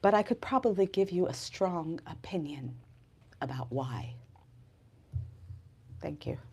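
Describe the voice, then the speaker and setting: Against a noisy background at a live bookstore event, an American author reads from and talks about her novel. Her lowish voice is expressive and measured in pace, and she speaks in a dramatic, emphatic manner.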